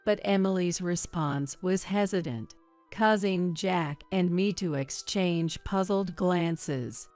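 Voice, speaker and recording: A woman narrating a story in a measured, even way. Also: on the low side, faint music behind.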